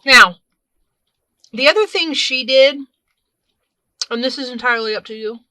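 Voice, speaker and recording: A woman's voice: high voice, normal speed, pushed and bright, no room sound. A woman hosting a casual hands-on craft tutorial, chatting as she works and often correcting herself mid-sentence. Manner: chatty, talks while working, self-correcting. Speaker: craft video host.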